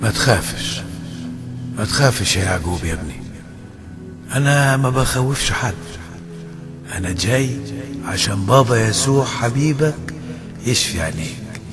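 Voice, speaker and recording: A man voicing a kindly old bishop-saint with an Egyptian accent, speaking in soft, soothing reassurance. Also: medium pitch, lively intonation, moderate pace, pauses often, lightly acted. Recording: distant voice over loud music.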